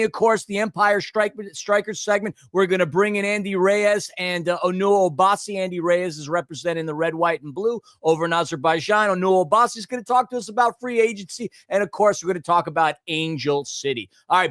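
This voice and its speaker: A man's voice: high voice, fairly bright tone, no room sound, studio quality. A man hosting a casual soccer talk show, upbeat and joking with sports slang. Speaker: podcast host.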